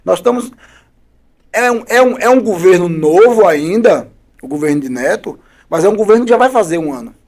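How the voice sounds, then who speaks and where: Man, high voice, combative politician guest, punchy rhetorical questions. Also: expressive, fairly quick, a little mellow. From Bahia, Brazil. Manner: combative, emphatic criticism with repeated rhetorical questions. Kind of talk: podcast interview.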